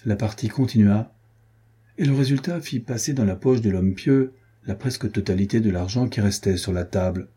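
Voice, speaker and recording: A man narrating a novel as an audiobook in a steady, even reading. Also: fairly low pitch, moderate pace, slightly rough.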